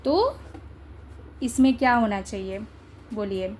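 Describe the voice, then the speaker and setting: A young woman teaches English grammar at an unhurried, deliberate pace, her voice sitting a little high. She coaxes her students along and keeps checking that they follow. A faint hiss sits under the recording. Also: expressive, a little mellow. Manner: coaxing, checks understanding with repeated tag questions. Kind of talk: exam-prep grammar lesson.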